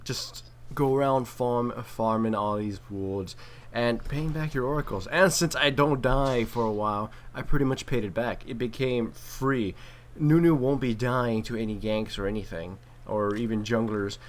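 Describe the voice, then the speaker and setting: A gaming video commentator, speaking at normal speed in a medium-pitched voice, plays and talks through the game with casual wryness, mild swearing and trash talk, all in a clearly noisy home recording.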